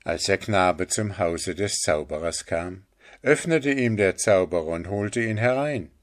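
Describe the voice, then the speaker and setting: A man narrating a fairy tale in a calm, measured reading style. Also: deep voice. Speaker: storyteller.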